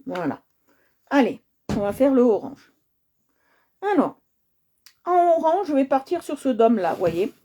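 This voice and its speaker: A woman's voice: fairly high pitch, expressive, normal speed, mellow, a little hiss or hum. A woman hosting a coloring livestream, chatting casually with her viewers and often repeating herself as she checks in with them.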